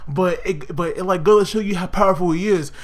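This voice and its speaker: A man's voice: high voice, fairly quick. Rambling man reviewing an anime. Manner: rambling, many fillers and restarts. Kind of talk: casual video review.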